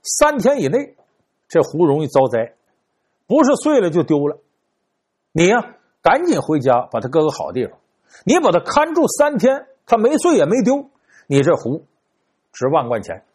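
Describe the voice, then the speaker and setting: A man doing a shrewd smooth-talking fortune teller. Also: fairly high pitch, wildly swooping pitch, normal speed, long pauses, exaggerated voice. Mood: coaxing. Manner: coaxing, conspiratorial, hushed warnings.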